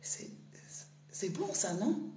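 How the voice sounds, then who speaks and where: Animated woman rambling in an echoey room. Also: medium pitch, slow pace. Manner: animated, swinging between hushed whispers and loud outbursts; street slang, addresses listener directly. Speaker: spiritual speaker. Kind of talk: rambling spiritual monologue to an online audience. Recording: roomy echo with faint hum.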